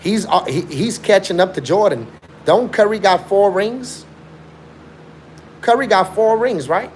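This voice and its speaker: His voice sits high and unhurried, with a bit of hiss or hum behind it. The young Chicago-born, South Africa-raised host is on a casual live stream, hammering his point home in emphatic, repetitive, slang-heavy speech.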